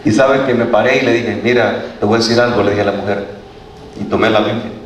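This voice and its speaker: A man's voice: on the low side, steady tone, fast talker, distant mic. A man preaches a testimony sermon in a very echoey church hall. He stands back from the microphone, and a faint hum of the room sits behind him. He laughs often and slips into the voices of the people in his story.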